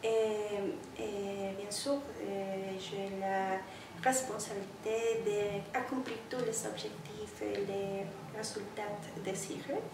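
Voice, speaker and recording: A woman's voice: medium pitch, level tone, slow pace, creaky. Peruvian woman, distant echoey interview. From Peru. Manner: searching for words, hesitant. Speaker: volunteer lawyer. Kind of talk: interview answers. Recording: echoey room, far from mic, noisy.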